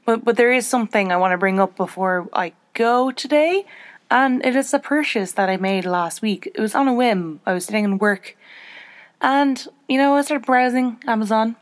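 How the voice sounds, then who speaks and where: A young woman hosts her podcast in easygoing, casual chat. She is chatty and self-deprecating, and her voice jumps up in pitch when she gets excited. The sound is dry and close, with no room in it. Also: moderate pace, no echo. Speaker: podcast host.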